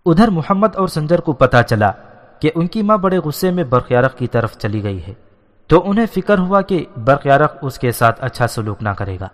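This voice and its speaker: A man's voice: a little high, very animated. Man narrating a historical novel. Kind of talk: reading a historical novel aloud. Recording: long hall reverb.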